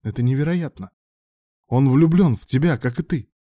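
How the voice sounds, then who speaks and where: Guy doing a sly sultry madam lady in an audiobook, pitched way up, soft dark tone, dry close sound. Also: normal speed, dry recording, natural voice. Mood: shocked. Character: sultry, scheming woman brothel madam. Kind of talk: audiobook dialogue.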